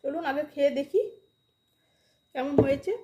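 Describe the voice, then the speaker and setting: A woman's voice: sits high, steady tone, moderate pace, mellow. A woman chatting casually to her viewers while she eats lunch, talking with her mouth full. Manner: chatty, addressing viewers directly. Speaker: vlogger.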